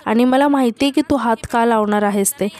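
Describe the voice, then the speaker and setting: A woman's voice: fairly high pitch, fairly quick, a little mellow, lightly acted. A woman voicing a scheming young woman who coldly taunts, then plays the grieving wife and hurls accusations, in a recap of a TV serial. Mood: accusing lament.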